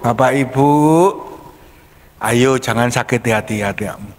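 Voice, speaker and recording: A man's voice: medium pitch, fairly even intonation, measured pace. A man, a pastor preaching a storytelling sermon in a casual, colloquial way. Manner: conversational, colloquial. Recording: long church hall reverb.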